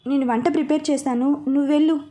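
A woman's voice: high-pitched, fairly even intonation, fast talker, mellow, close to an everyday voice. A woman voicing a reserved young woman who speaks curtly. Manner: curt, matter-of-fact. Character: young woman, reserved, curt but softening.

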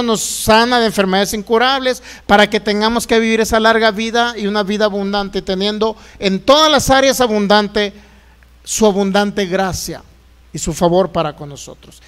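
A man's voice: high voice, a bit bright, clear, resonant tone. A man preaching a sermon as pastor, folksy, acting out complaints in a raised voice.

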